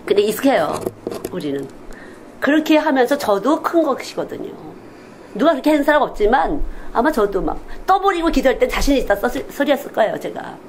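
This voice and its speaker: A woman's voice: high voice, fairly quick, slight background noise, low-quality recording. A woman missionary preaching a Sunday sermon in a candid, confessional way, often acting out quoted speech. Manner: animated, acts out quoted speech in different voices.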